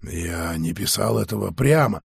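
Brief: man voicing a low, raspy, guarded hero for an audiobook, speaks softly and carefully. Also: animated, normal speed, no room sound, studio quality, heavily acted. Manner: cautious, quiet. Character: wary male scientist, hero.

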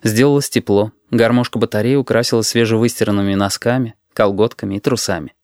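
A man's voice: lowish voice, steady tone, quick pace, darkish tone, dry recording. Man narrating an audiobook, dry sound. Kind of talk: scripted narration.

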